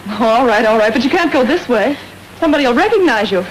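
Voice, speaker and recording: An actress playing a plucky young woman amateur sleuth in a 1930s radio drama, with a brisk, bossy manner. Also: fairly high pitch, lively intonation, heavy background noise, natural voice.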